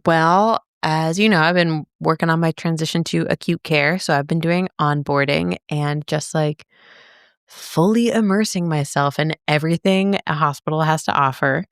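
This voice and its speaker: A young woman co-hosting a podcast as a speech therapist, chatting casually and animated, with playful jumps into silly voices. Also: deep voice, normal speed, clean tone, no echo, clean studio sound. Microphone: studio microphone.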